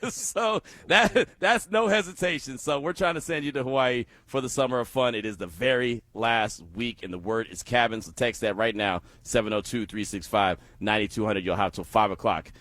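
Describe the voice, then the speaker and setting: A man hosting a sports talk radio show, animated and laughing as he tells stories. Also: mid-range voice, moderate pace, hardly any pauses, no echo. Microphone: studio microphone.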